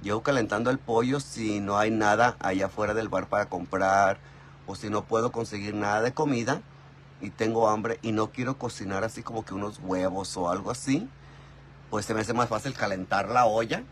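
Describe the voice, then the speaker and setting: A man's voice: lowish voice, slight background noise. A man with a Mexican accent chatting casually to his viewers, rambling and repeating himself with slangy, affectionate asides. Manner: rambling, repeats himself, calls listener "mi amor" and "güey". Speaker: vlogger. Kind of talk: casual chat.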